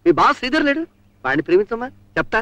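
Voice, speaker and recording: Scheming greedy dad, high voice that swoops all over, comic film bit. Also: male voice, big pitch swings, rapid-fire, bright, forceful tone, dry recording, full character voice. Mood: wheedling. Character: scheming greedy middle-aged father, comic. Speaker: scheming father. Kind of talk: 1980s film dialogue.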